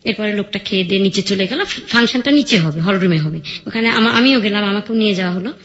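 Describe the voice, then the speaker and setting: A woman tells her life story as a radio guest. She is lively and acts out the voices of the people in it. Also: medium pitch, fast talker, lo-fi sound.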